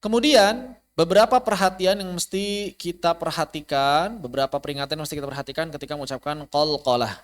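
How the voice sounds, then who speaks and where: A man teaching a recorded online tajwid class, explaining rules casually and repeating key points for emphasis, then chanting example verses slowly and melodically. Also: fairly high pitch.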